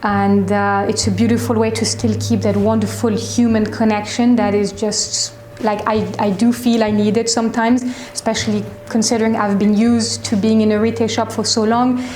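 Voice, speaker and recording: A woman's voice: mid-range voice, level tone, normal speed, few pauses, darkish tone, a little hiss or hum. Echoey French woman in her twenties. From France. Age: 20s. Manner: reflective, hesitant with fillers and restarts. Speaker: shop owner interviewee. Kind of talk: interview answers. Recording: echoey room.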